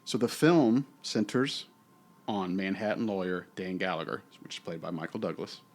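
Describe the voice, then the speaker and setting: A man's voice: low-pitched, moderate pace, a little mellow. A middle-aged man co-hosting a podcast in easy, casual chat. He hams things up with mock-grand declarations and plays to the listeners. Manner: theatrical, hammy, mock-grand. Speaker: podcast co-host.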